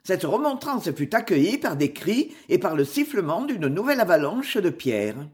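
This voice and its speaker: A narrator reading a classic novel aloud in measured, expressive scripted narration. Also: medium pitch. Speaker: audiobook narrator.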